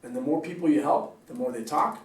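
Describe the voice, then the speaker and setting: A man's voice: on the high side, expressive, fairly quick. A man, a personal trainer, chatting casually and rambling to his staff with easy laughs. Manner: rambling, upbeat, laughs easily. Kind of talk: casual chat. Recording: echoey room, mic far off.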